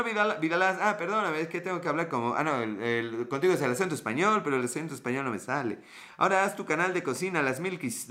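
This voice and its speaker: Here a Mexican-accented man livestreams in a fairly high, bright and forceful voice, casually greeting viewers and answering comments with profane, slangy chatter.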